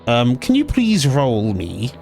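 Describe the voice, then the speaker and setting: Male game master, mid pitch, casual and halting, lots of ums and swearing, faint music underneath. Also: huge pitch swings, vocal fry, darkish tone. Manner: hesitant, many ums and self-corrections, casual swearing. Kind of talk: narrating a tabletop game.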